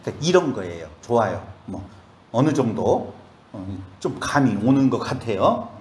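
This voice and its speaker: A man's voice: mid-range voice, very animated, normal speed, a little mellow, roomy sound. A male pastor leading a Bible study sermon, asking the congregation questions as he explains the passage. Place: church.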